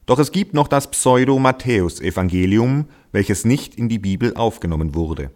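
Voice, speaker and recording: A man reading a Christmas devotional story aloud in a calm, measured way, slowing down for quotations. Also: on the low side. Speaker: reader.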